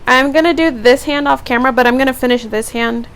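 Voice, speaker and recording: A woman's voice: high voice, fast talker, a bit bright, clean tone. A teenage girl vlogger casually narrating each step of a beauty tutorial. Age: teens.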